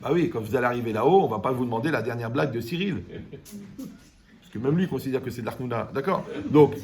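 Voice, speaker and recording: A man giving a lively Torah class, joking and asking his audience questions. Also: mid-range voice, fast talker, noisy background. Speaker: Torah teacher.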